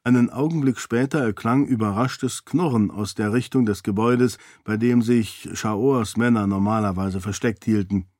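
A man reading audiobook narration in a measured, even storytelling manner. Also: lowish voice, no room sound, clean studio sound.

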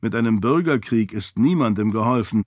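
A man voicing an older king and father in an audiobook, speaking in a dry, gently teasing way. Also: on the low side, lively intonation, fairly quick, no echo. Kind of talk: audiobook character voice.

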